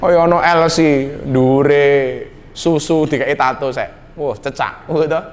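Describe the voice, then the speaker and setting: A middle-aged man with a Javanese accent and a slightly high voice speaks slowly, delivering a joking sermon to a live audience in a nightclub hall. He teases the crowd and mixes Javanese slang into his talk.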